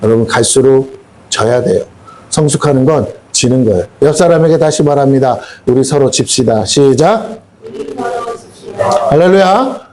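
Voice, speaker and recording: A man's voice: medium pitch, normal speed, pauses often, a little mellow. A middle-aged male pastor giving a folksy, colloquial sermon full of rhetorical questions to his congregation. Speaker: senior pastor. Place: church sanctuary.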